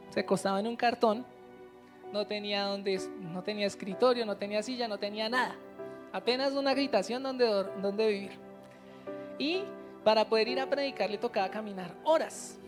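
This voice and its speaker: Storytelling woman preaching a sermon. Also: a little high. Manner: storytelling, asks the congregation questions. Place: church service.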